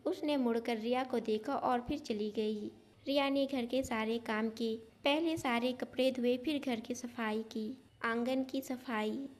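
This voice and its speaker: Woman narrator, steady storybook telling, voice sits a bit high. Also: unhurried.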